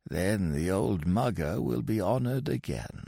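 A man voicing an old, hypocritical male crocodile who speaks gently and preachily, drawing out his words. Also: sits low, animated, unhurried, gravelly, husky, no room sound, clean studio sound, exaggerated voice. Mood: sanctimonious.

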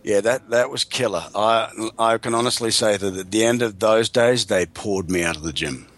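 A man's voice: fairly low pitch, moderate pace, a bit bright. A man being interviewed as an actor guest, telling emphatic stories in a casual chat.

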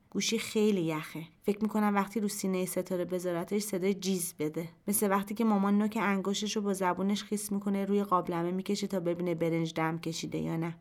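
A woman reading a short story aloud in first person, in a quiet, measured storytelling voice. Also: mid-range voice. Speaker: narrator. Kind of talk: scripted narration of a short story.

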